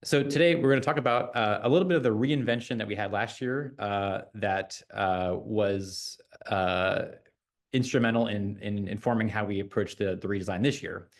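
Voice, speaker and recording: A man's voice: lowish voice, normal speed. A man giving a conference presentation as a designer, speaking in a chatty way with many fillers and restarts.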